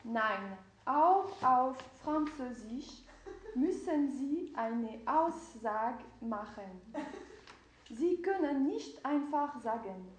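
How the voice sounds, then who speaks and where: A woman's voice: sits high, lively intonation, drawn-out words. A woman in a comedy sketch, lecturing in a scolding, schoolmarm-like way. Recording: echoey room with faint noise.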